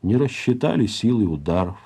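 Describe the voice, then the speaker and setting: A man reading a dramatic story aloud as narrator, in a measured, grave way. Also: fairly low pitch, lively intonation, warm tone, slightly rough.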